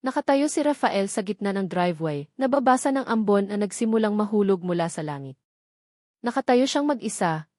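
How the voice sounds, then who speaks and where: A woman with a Filipino accent narrates a scripted, dramatic romance story. Her voice is medium-pitched and a little mellow, in a dry, studio-quality recording.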